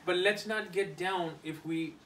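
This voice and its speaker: A man's voice: high-pitched, steady tone, measured pace, fairly bright tone. A man giving a motivational team talk as a leader, emphatic, repeating short phrases. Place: echoey indoor room, locker room. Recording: roomy, distant mic, background noise.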